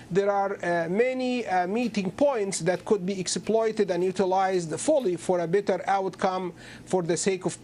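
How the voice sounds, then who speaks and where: A man speaking as a guest analyst in a televised panel debate, deliberate and pausing often with fillers. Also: high voice, darkish tone, a little hiss or hum.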